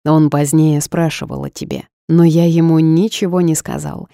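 A woman's voice: low-pitched, steady tone, normal speed, mellow, no echo, studio quality, natural voice. A woman voicing a blunt, outspoken young male bartender, speaking frankly and lecturing.

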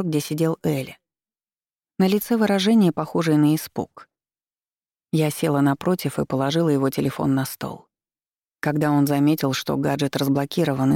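A woman reading a first-person novel aloud, in measured, steady storytelling. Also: low voice, creaky, dry recording, clean studio sound. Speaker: audiobook narrator. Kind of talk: first-person audiobook narration.

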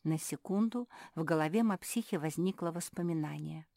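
A woman reading a children's story aloud in a lively, expressive way. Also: deep voice, moderate pace, creaky, no room sound, clean studio sound. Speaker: narrator.

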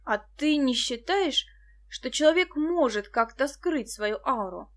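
Excitable teenage boy as read by a woman, bright and eager. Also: sits high, measured pace.

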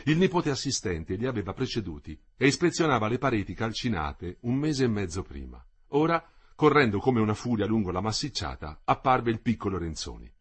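A man reading a literary novel aloud, with a measured and expressive delivery. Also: on the low side, husky. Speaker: audiobook narrator.

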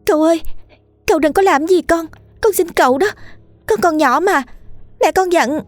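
A woman voicing a frightened young niece who pleads and stammers in a high voice. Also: moderate pace, dry recording, faint music behind. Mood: pleading.

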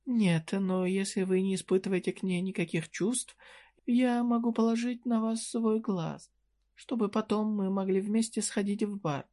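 A woman's voice: mid-range voice, steady tone, normal speed, warm tone, voice pushed up, lightly acted. Casting: narrator doing a shrewd fantasy merchant woman, raised voice, teasing and flirty, businesslike. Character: sly cheerful female dungeon merchant, shrewd. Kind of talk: audiobook character reading.

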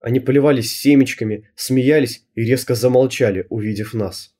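A man narrating an audiobook in a lively storytelling manner. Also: medium pitch, moderate pace. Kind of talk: scripted narration.

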